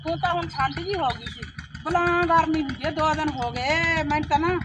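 A woman's voice: high voice, fairly quick, background noise. A woman acting a poor village woman who pleads and complains in a family drama. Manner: pleading, plaintive.

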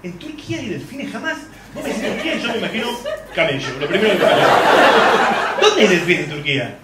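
Argentine male comic, lively high voice, stand-up on a handheld mic in an echoey club with loud crowd noise. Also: fast talker. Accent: Argentine Spanish. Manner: brash, crowd work, swears freely. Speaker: stand-up comedian. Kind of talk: live stand-up comedy. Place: comedy club stage.

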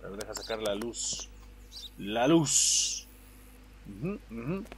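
A man's voice: lowish voice, sing-song, takes it slowly, a little hiss or hum. A young man with a Mexican Spanish accent, commenting on a game in a joking, slangy way while he talks to his viewers. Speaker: gaming streamer. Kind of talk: gameplay commentary.

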